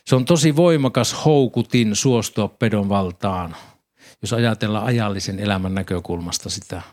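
A man preaching a sermon, calmly explaining scripture and reading passages aloud. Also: on the low side.

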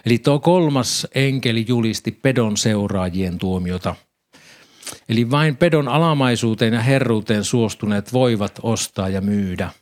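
A man preaching a sermon, calmly explaining scripture and reading passages aloud. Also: fairly low pitch.

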